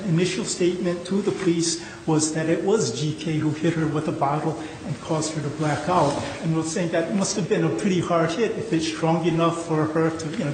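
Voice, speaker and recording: A man speaking as a lawyer in oral argument, with halting, hedging, informal phrasing. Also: fairly high pitch. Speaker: lawyer arguing an appeal. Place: indoor courtroom. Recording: echoey courtroom, faint noise.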